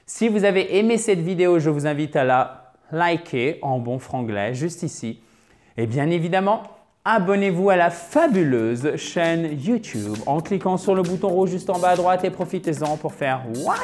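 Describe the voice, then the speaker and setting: Animated man teaching at a whiteboard. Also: on the high side, moderate pace, faint music behind. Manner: animated, checks in with frequent "ok?", spells words out and stresses syllables. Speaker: English teacher. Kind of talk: lively video lesson. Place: in front of a whiteboard.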